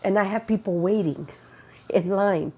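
A middle-aged faith vlogger with a cold sniffles and sounds rough as she gives an earnest, unhurried spiritual testimony, quoting God in conversation. Her voice is mid-range with a dark tone. She records indoors in a bedroom with a bright window, on a wired earbud mic in a webcam close-up.

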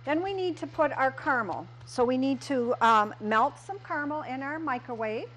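A woman's voice: sits high, expressive, normal speed, fairly bright tone, husky, low-quality recording. A middle-aged woman, a candy shop owner, walking through a recipe step by step in a small kitchen, with frequent fillers. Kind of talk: cooking demonstration.

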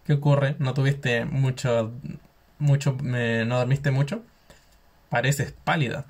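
A man's voice: mid-range voice, steady tone, a little mellow. A young man with a Chilean accent reads on-screen game dialogue aloud as he plays. He stumbles, restarts lines and drops slangy casual remarks between the reading. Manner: reads text haltingly with restarts, slangy asides. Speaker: gameplay streamer.

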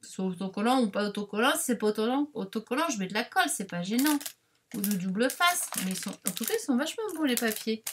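A woman chatting to her viewers while unboxing craft supplies, rambling, excitable and quick to apologize. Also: fairly high pitch, husky. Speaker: craft vlogger unboxing a parcel. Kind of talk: casual unboxing chat to viewers.

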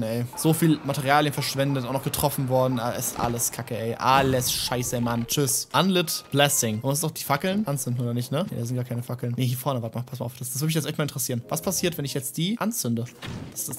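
A young man streaming a game, swearing in frustration and talking to his chat. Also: medium pitch. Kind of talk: gaming commentary.

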